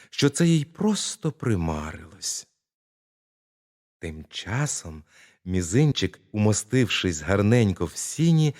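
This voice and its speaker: A man narrating a bedtime fairy tale in a slow, expressive storytelling manner. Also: lowish voice.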